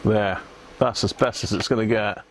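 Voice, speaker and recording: This is a British man with a lowish voice, fairly even intonation and a moderate pace, chatting casually at the bench during a live repair stream. He mutters half to himself as he works and keeps adding tag questions to what he says.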